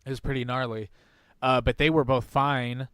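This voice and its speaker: Man, laid-back slangy podcast chat, clear smooth voice, dry close sound. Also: mid-range voice, little pitch movement, normal speed, fairly bright tone, no echo. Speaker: podcast co-host. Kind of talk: casual chat.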